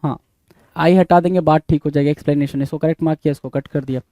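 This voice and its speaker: Male tutor, higher voice with a mellow tone, spells words slowly and repeats them, recorded dry and close. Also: steady tone, dry recording. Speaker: teacher. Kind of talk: exam-prep spelling lesson.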